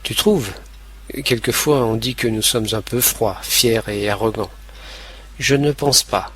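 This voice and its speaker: A man narrating a scripted language lesson in a slow, clear, carefully pronounced way. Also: lowish voice, fairly bright tone.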